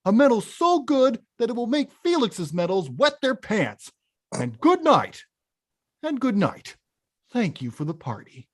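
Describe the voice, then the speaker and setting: At an animated film table read, an actor voices a big video-game villain who is frustrated, stubborn and hungry for respect, delivering the lines with emphatic bluster. The tone is indignant and defiant, at medium pitch and an unhurried pace.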